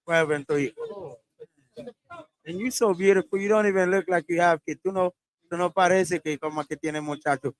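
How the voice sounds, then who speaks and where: A man's voice: high voice, moderate pace, no echo, poor audio. A man hosting a casual live stream, repeating his phrases and now and then switching into Spanish. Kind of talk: casual live chat with shout-outs. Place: outdoors in a beachside parking lot.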